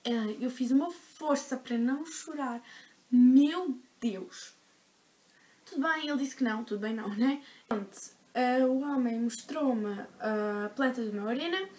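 A woman's voice: high-pitched, a little mellow. A young woman in her teens with a European Portuguese accent, telling a story to her vlog audience in a chatty, dramatic way, full of fillers. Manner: chatty, dramatic retelling with frequent "tipo" fillers. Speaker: vlogger. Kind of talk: casual storytelling to camera.

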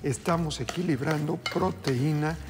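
A middle-aged man hosts a TV cooking show from a studio kitchen, walking viewers through a recipe live in upbeat, chatty patter and calling them family. His voice is on the high side and his pace measured. Background music runs under him, and there's background noise.

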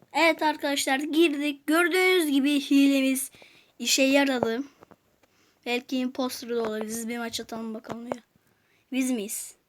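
High-pitched woman doing a chatty game walkthrough, talks to viewers and mutters to herself. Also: slight background noise. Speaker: gaming youtuber. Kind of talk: casual gameplay commentary.

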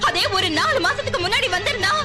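An actress playing a hot-tempered young wife who scolds sharply and argues back in film dialogue. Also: female voice, extremely high pitch, expressive, fast talker, loud music behind the voice. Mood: hysterical. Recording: film scene over loud background score.

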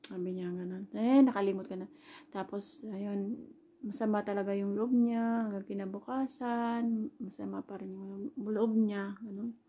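A Filipino woman who vlogs about her work as an overseas caregiver speaks at a measured pace in a medium-pitched voice that is warm and breathy, with little pitch movement. Casual and rambling, she shares a personal story filled with fillers like "ayan" and recounts conversations word for word.

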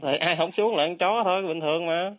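Taunting, quick-talking man on a phone call. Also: high voice, no room sound. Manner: defiant, taunting, dismissive. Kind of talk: heated phone argument. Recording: tinny phone line, dry.

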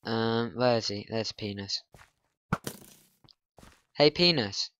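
A man's voice: fairly low pitch, slow, a bit bright, dull audio, a little hiss or hum. A man rambling through let's-play commentary, flustered, grumbling and poking fun at himself. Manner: flustered, grumbling, self-mocking. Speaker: gaming channel host.

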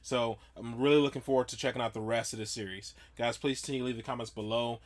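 A man's voice: steady tone, fast. Laid-back man hosting a reaction video. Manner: low-key, laid-back delivery. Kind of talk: casual chat to camera.

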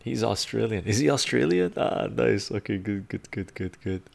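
A gravelly, deep-voiced man, a native Romanian speaker, chats casually on a live stream and reads comments from a home room full of bookshelves. He is expressive, speaks at normal speed, and rambles chattily with frequent "right?" asides. He uses a lapel mic.

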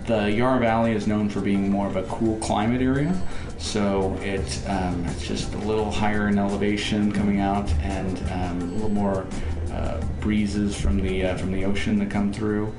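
A man's voice: fairly low pitch, little pitch movement, moderate pace, few pauses. A man in his thirties, a guest on a cooking show, explaining wines casually with many fillers and restarts. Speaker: wine importer guest. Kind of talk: casual chat. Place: wine shop tasting room, indoors. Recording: roomy echo with music behind.

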